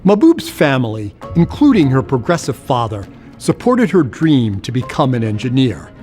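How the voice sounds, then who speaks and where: A man hosting an award gala and narrating its tribute video in a measured, formal scripted delivery. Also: mid-range voice, huge pitch swings, darkish tone, faint music behind. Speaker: host and narrator.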